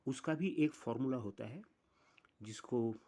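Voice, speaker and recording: A man's voice: mid-range voice, dark tone. A man teaching music theory, explaining step by step and counting through the notes one at a time. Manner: slow, deliberate, counts notes aloud one by one.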